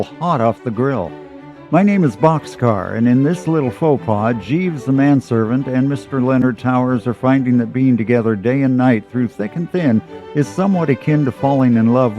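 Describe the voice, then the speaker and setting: A man's voice: medium pitch, dark tone, highs cut off, close to an everyday voice. A man playing an arch, whimsical announcer, reading florid scripted introductions to a comic audio serial. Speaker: episode announcer.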